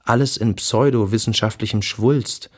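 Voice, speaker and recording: Intense poet-wanderer, low register, literary radio feature diary reading. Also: male voice, moderate pace, a little mellow, husky. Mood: brooding.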